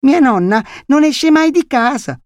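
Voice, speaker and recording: A man putting on a shrill, excitable little boy. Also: normal speed, dry recording, studio quality. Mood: know-it-all. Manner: shrill, know-it-all. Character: excitable little boy losing milk teeth.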